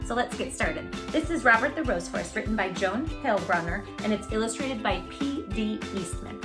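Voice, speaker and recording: This storytime host reads a picture book to young children at a moderate pace, her mid-range voice full of lively intonation. Music plays beneath as she addresses the kids warmly and effusively, reading with plenty of expression.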